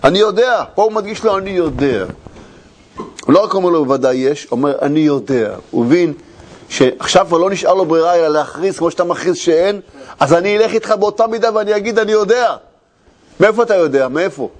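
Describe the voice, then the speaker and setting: Speaking in a high-pitched voice, a man teaching Torah recounts a story as an expository lecture, lively and packed with rhetorical questions and phrases he repeats.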